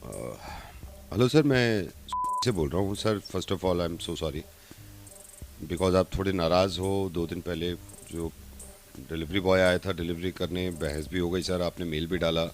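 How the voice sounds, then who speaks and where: A man's voice: deep voice, unhurried, soft background music. A male radio host on a prank phone call, talking in a soothing, apologetic, businesslike way.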